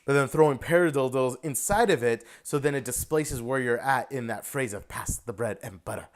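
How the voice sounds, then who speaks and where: A man giving feedback in a drum lesson, energetic and explaining technique while singing the rhythms aloud. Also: medium pitch, normal speed, slight background noise.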